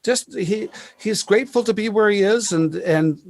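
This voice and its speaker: A man with a high, light voice tells his stories with excitement, breaking into laughs and restarting his sentences often. The sound is dry and close, with no room around it. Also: moderate pace, no echo. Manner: animated, laughing storyteller with many restarts. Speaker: podcast host. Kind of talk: casual storytelling chat.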